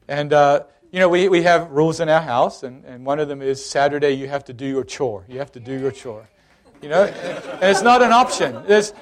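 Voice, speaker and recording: A middle-aged man preaching a sermon, telling personal stories with quoted dialogue and repeated emphasis. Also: fairly high pitch.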